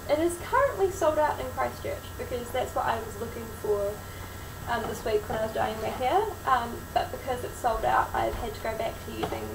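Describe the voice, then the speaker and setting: Casting: female New Zealander, broad Kiwi accent, informal how-to vlogger, recorded echoey and far from the mic with noticeable noise. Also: high-pitched. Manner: frank, informal, explanatory. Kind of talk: casual how-to vlog talk. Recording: roomy, distant mic, clearly noisy.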